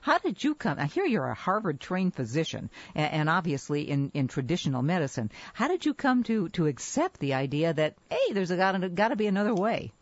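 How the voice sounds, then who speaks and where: Woman radio host, low-ish voice, animated delivery, slightly dull recording. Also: fairly quick, few pauses, dry recording. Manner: chatty, conversational questions. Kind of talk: radio interview.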